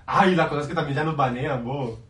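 A man's voice: a little high, normal speed, a bit bright, distant mic. A young man, chatting casually on a stream, joking and slangy, often laughing. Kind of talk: casual chat on a live stream. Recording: roomy, off-mic.

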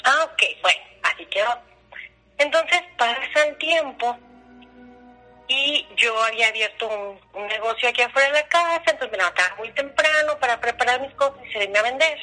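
Middle-aged Mexican woman, bright forceful voice, lively storyteller who voices the dialogue in her tale. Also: fairly high pitch, normal speed, faint music behind, rough recording. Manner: animated, acts out dialogue in her telling. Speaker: guest storyteller. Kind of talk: casual storytelling.

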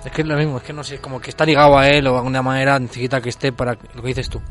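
Rapid chatty football fan. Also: male voice, mid-range voice, little pitch movement, over music. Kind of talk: casual football chat.

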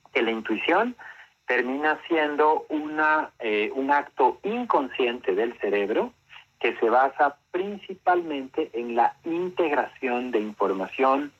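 A man's voice: medium pitch, slightly rough. A man explaining as a guest on a radio interview, hesitating often with fillers and restarts. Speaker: guest brain trainer. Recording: dull lo-fi phone line.

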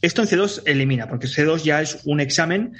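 A man's voice: a little high, lively intonation, fast talker, a bit bright, faint music behind. Explanatory Spanish-male teacher. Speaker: Spanish teacher and exam examiner, podcast host. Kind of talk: podcast intro and interview answers.

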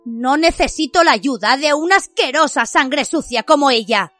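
A woman's voice: high-pitched, normal speed, fairly bright tone, no room sound, faint music behind, pitched above the performer's own voice. A woman voicing an arrogant, show-off teenage wizard boy with a swaggering, taunting delivery.

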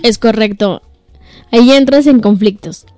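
A woman co-hosts a casual chat in a bright, high voice, blunt and emphatic. Her voice is smooth and close, with no room around it. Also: a little slow, no room sound, faint music behind. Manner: blunt, emphatic, laughs often. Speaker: co-host.

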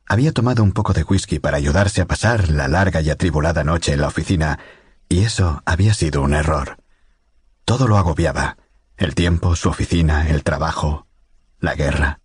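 Male audiobook narrator, very husky and breathy, dry close recording, measured pace. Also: very deep voice, no echo. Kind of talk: scripted narration.

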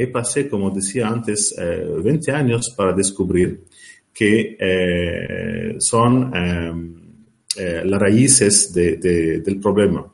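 A middle-aged man speaking as a non-native with a foreign accent, giving an informal lecture haltingly, often searching for words. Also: on the low side, darkish tone. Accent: foreign, non-native Spanish. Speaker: guest speaker, spiritual healer.

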